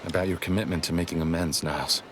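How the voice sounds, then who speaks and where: An actor playing a stern, formal resistance operative in a video game, speaking in a measured way. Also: male voice, low-pitched, fairly even intonation, slight background noise, natural voice. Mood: grateful, contrite. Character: stern, formal male resistance operative, surly but softening.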